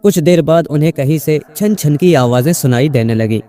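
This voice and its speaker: Mellow male storyteller over soft music. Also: a little high, expressive. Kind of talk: scripted narration.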